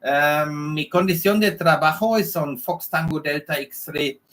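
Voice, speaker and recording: A man with a German accent handles a ham radio contact. His voice is a little high and his pace a bit slow. As a native German speaker still learning, he hesitates and searches for words. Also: fairly bright tone. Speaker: amateur radio operator.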